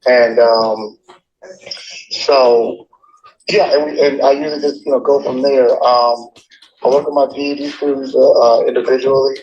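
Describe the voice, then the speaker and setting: Over a dull speakerphone line with faint noise, a male GED instructor explains things casually, with plenty of fillers and restarts. His voice is medium in pitch, steady, slightly mellow, and at a normal speed.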